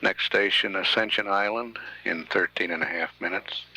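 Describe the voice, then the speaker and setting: A man giving live mission control commentary in a halting, measured way, often pausing mid-sentence. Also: sits low, bright, forceful tone, slightly rough, rough recording. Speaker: mission control public affairs announcer. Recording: faint radio hiss.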